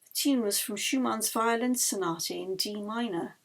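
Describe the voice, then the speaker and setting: Here a woman delivers expressive audiobook narration of her own novel at a normal speed. Her mid-range voice is husky and breathy, and her dramatic manner softens to a hush as each phrase ends.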